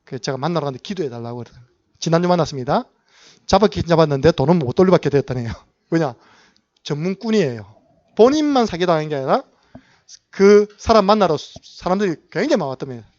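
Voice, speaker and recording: A man's voice: on the high side, darkish tone, no echo, dull audio. A male pastor preaching a sermon, asking the congregation questions and acting out short dialogues.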